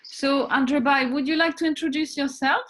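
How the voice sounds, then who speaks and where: A woman's voice: high-pitched, steady tone, moderate pace, a bit bright. A woman interviewing a guest, asking questions hesitantly with many fillers.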